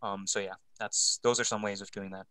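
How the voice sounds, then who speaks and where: A man's voice: fairly low pitch, steady tone, brisk, bright, forceful tone, smooth, no room sound, poor audio. A man speaking on an online panel, explaining step by step with frequent ums. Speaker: panel speaker on game mastering. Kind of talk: casual explanatory panel talk.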